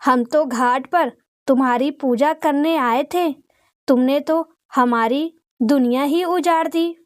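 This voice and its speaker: A woman's voice: high voice, slow, a little mellow, no room sound, clean studio sound. A woman reading as a grieving old mother. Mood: pleading. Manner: pleading and tearful.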